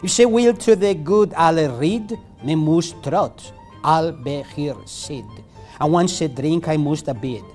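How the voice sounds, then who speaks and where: A man reading aloud as a henpecked medieval husband who mourns his lot in a repeated, drawn-out refrain. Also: on the high side, big pitch swings, a little mellow, faint music behind, voice pushed up. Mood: woeful lament. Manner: lamenting, recited refrain. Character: henpecked medieval husband, middle-aged man, woeful and complaining.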